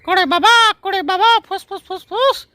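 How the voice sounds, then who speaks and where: A tiny cartoon creature squealing for rescue. The voice is far above the performer's usual range, squeaky and quick, with a dry close sound. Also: male voice, pushed and bright, no echo. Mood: panicked. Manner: squeaky, repeats calls rapidly.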